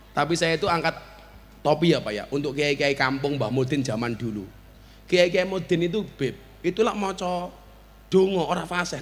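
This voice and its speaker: A Javanese-accented man gives a comic sermon in a high, bright, forceful voice. He teases the crowd, trades banter and shouts out his punchlines. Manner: joking, banter with the audience, bursts into shouts. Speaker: preacher. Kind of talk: humorous sermon at a village gathering.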